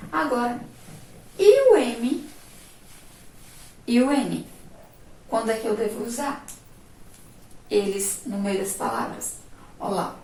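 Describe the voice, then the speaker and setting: A woman with a Brazilian Portuguese accent teaching a remote primary-school lesson, explaining slowly and patiently and asking the class rhetorical questions. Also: on the high side, darkish tone, reverberant, far from the mic, low-quality recording.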